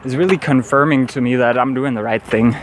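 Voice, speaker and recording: This native Danish speaker, a travel vlogger with a Danish accent, rambles earnestly in a casual walking monologue on a city street and keeps adding "you know." He has a mid-range male voice and talks a little fast. Vehicles and traffic noise are clearly heard around him.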